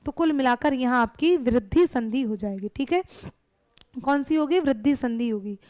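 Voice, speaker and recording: A woman's voice: high-pitched, animated, normal speed, a little mellow, dry recording. A woman teaching a grammar lesson for exam preparation, explaining step by step and answering her own questions.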